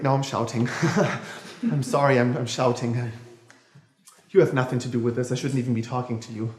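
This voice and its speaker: A man's voice: mid-range voice, a little mellow, roomy sound, in a large hall, close to an everyday voice. Bitter sarcastic ranting man, played by an actor. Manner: sarcastic, ranting, self-correcting, nervous laughs. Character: bitter, cynical adult man ranting about lost faith. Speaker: actor in a stage-style monologue. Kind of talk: dramatic monologue.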